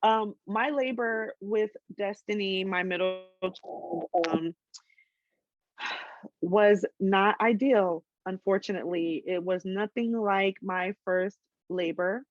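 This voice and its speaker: A woman's voice: mid-range voice, takes it slowly, no echo, muffled recording. A woman in her twenties telling a personal story in a casual interview, candid, with many ums and restarts. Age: 20s.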